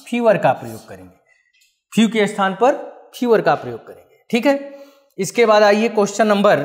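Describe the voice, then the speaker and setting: A man teaching an exam-prep English grammar class, calling his students children and asking and answering his own questions, with the English example sentences read out slowly. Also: high voice. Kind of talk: classroom-style grammar lesson.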